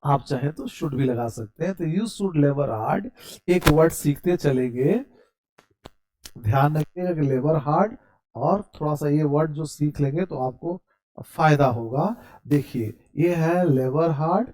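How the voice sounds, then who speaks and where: A man's voice: fairly high pitch, unhurried, a little mellow. A man teaching a spoken English grammar lesson. He explains step by step, asks his students questions and answers them himself, and spells words out letter by letter. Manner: calls the listener "brother".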